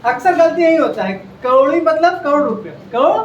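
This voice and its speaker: A man's voice: very high voice, animated, a little fast, recorded from a distance, lo-fi sound, slight background noise. A male coaching teacher, lecturing a class and drilling facts by repeating them and quizzing his students. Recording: echoey classroom, heard from afar.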